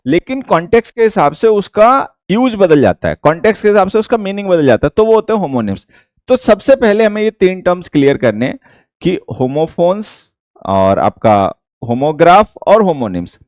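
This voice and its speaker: An English teacher from India with an Indian accent, explaining a lesson slowly and repeating each point. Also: male voice, sits high, darkish tone, no echo, studio quality.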